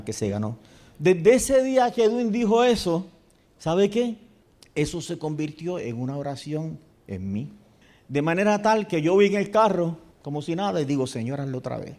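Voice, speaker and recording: A man preaching a sermon in a church, telling a story and dropping to a hushed voice for repeated prayers. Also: high-pitched. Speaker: pastor.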